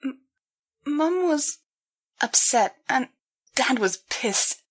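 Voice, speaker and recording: A woman acts out a young female pony from a dramatized story, giving a full character voice to someone distraught, ashamed and crushed by guilt. Her high, shaky voice stammers and hesitates as she pushes out a pleading apology, delivered extremely slowly with lively intonation.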